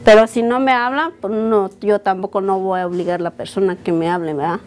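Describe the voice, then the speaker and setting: A woman's voice: medium pitch, steady tone, a little mellow. Earnest Mixtec-accented Mexican woman. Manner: earnest, halting, repeats herself. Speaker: interviewee. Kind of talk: casual interview.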